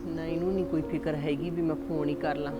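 A woman's voice: sits low, little pitch movement, fast talker, mellow, close to an everyday voice. An actress playing a worried mother who frets and scolds her son, with a Punjabi accent. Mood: fretful. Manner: fretful, scolding. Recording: music bed under dialogue.

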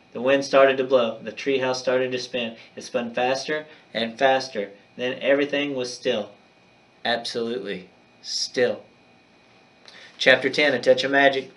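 A male teacher reading a children's chapter book aloud to his class, with dramatic, expressive storytelling. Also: mid-range voice, takes it slowly, distant mic.

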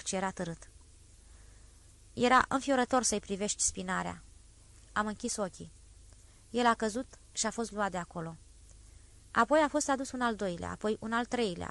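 O femeie în rolul unui bărbat sobru ce povestește o execuție. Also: female voice, no echo, lightly acted. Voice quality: low, even voice. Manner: measured, somber retelling. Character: male exile recounting an execution, grave.

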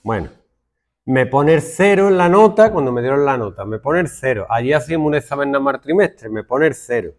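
With a mid-range voice and a slightly quick pace, a male secondary school teacher from Spain lectures his class, his Spanish accent clear. He livens things up by imitating his students' gripes in mocking voices.

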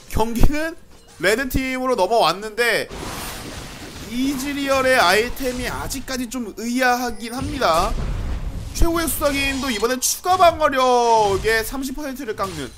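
A man doing live esports game commentary in an excitable manner, given to shouting at big plays. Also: very high-pitched. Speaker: esports commentator casting online matches.

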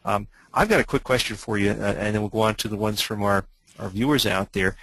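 A man hosts a webinar question session in a low, gravelly voice with a bright, forward edge. He is friendly and often trips over his words, repeating them before going on. The sound is dry and close. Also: brisk, dry recording, poor audio. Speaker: webinar host. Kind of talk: hosting a webinar Q&A.

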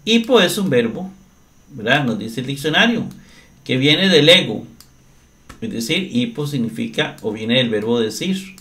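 Slow, deliberate male grammar teacher. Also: medium pitch, sing-song, a bit bright. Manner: slow, deliberate, often asks "¿verdad?". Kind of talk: screen-share grammar lesson.

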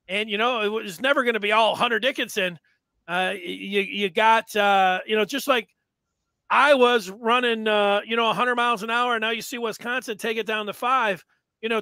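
A man in his thirties hosting a casual sports chat from home on a headset mic, talking excitedly with lots of fillers. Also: high voice, dry recording. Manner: excitable, rambling with many fillers. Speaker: podcast host. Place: home room with sports jerseys. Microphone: headset mic on video call.

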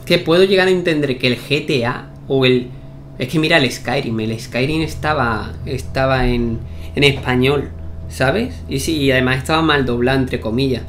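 A man's voice: medium pitch, moderate pace, slight background noise. A man with a Spain Spanish accent, giving casual gameplay commentary with swearing and chatty asides. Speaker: gaming YouTuber.

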